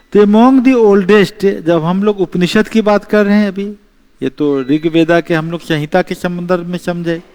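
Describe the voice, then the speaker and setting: Speaking in a high, gravelly, somewhat mellow voice, a male teacher gives an exam-focused history lecture. He takes it slowly, repeats the important terms, and drops in English phrases.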